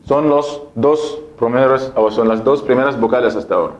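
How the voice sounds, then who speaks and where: A man teaches the Arabic alphabet in a lo-fi recorded lesson, his mid-range voice moving at a normal pace. Explaining one step at a time, he answers his own questions and says every syllable repeatedly so the learner can imitate it.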